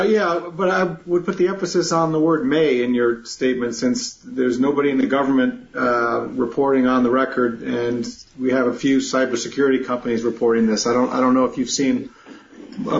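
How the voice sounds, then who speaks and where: Male podcast commentator, gravelly, measured, lo-fi sound. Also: medium pitch, a little hiss or hum. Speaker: news commentator. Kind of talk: casual podcast chat.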